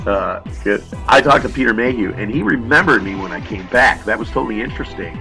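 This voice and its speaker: Low-voiced man telling rambling anecdotes. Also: animated, brisk, gravelly, sharp tone, faint music behind. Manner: rambling storyteller, laughs at own jokes. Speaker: podcast co-host. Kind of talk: casual chat.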